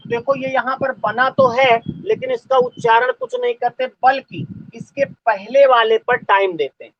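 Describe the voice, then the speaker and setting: A male teacher giving a live online class, dictating slowly and repeating phrases for students to write down. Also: very high voice, sing-song, gravelly, dry recording. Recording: dull lo-fi audio.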